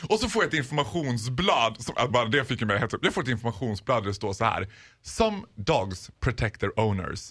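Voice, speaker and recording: A man, a guest on a morning radio show, telling a comic story in an animated way, laughing and acting out the scenes. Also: medium pitch, few pauses, slightly rough.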